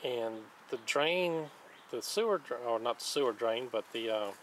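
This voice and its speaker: Recorded outdoors on a lakeside wooden dock, this channel host casually goes through his magnet fishing finds item by item in a plain, unhurried manner. He speaks in a mid-range voice, and the audio has a slight hiss or hum.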